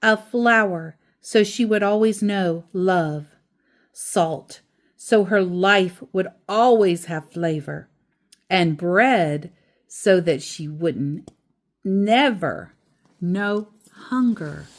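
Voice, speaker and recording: A lowish-voiced woman reads aloud from a children's book as a storyteller. Her pace is deliberate, with short phrases broken up by pauses and the occasional casual aside.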